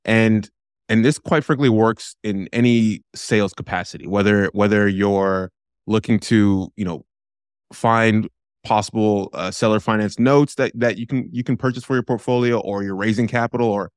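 A man's voice: fairly low pitch, steady tone, normal speed, smooth, no echo, studio quality. A man co-hosting a podcast interview, talking in a loose, rambling way with many restarts. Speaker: podcast co-host.

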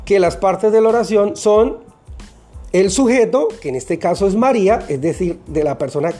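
A teacher gives a recorded lesson for children, speaking in a patient, deliberate way and spelling out each step. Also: medium pitch, lively intonation, mellow, soft background music.

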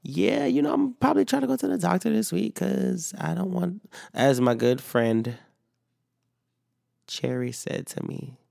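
Still not fully recovered from being sick, a man hosts his own podcast in a loose solo ramble packed with fillers and swearing. His voice sits high, gravelly and slightly mellow, expressive and unhurried, captured in a dry, studio-quality recording.

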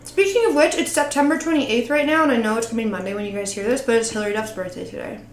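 A woman's voice: a little high, rapid-fire, roomy sound, a crowd in the background. A Canadian woman co-hosting a casual podcast, bubbly and enthusiastic as she chats with friends. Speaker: podcast co-host. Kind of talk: casual chat.

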